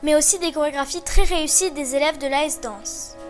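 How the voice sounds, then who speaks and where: A woman's voice: high-pitched, brisk, music in the background. A woman reading scripted voice-over narration for an amateur school news report.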